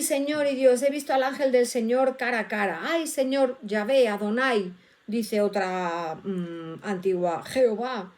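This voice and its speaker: A woman with a bright, high-pitched voice leads a casual Bible study. She reads scripture in a lively way and acts out the voices in the verses.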